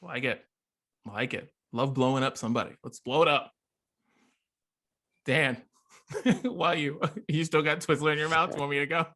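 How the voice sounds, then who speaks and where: A man's voice: a little high, fairly even intonation, normal speed, long pauses, sharp tone. A man co-hosting a casual podcast over a remote call, teasing and hyped. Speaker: podcast co-host.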